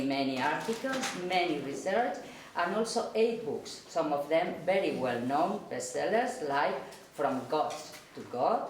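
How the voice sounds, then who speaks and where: A middle-aged woman from Spain, introducing a lecturer, speaking hesitant, halting English. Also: sits low. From Spain (Barcelona, Catalonia). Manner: hesitant, warm, halting non-native phrasing. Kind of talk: public introduction, partly read aloud. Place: lecture hall. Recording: echoey lecture hall with background noise.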